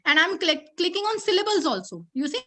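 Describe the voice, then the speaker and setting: Bright high-voiced Indian woman teaching. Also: big pitch swings, fairly quick. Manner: explains patiently step by step, checks in often. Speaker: teacher training presenter. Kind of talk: online teaching demo. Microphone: video call.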